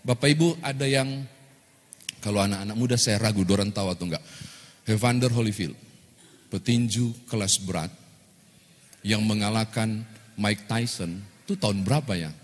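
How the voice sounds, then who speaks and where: A male pastor, giving a lively sermon and joking with the congregation. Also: fairly low pitch, moderate pace, long pauses. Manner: lively storytelling, jokes with congregation. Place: church hall. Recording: long church-hall reverb.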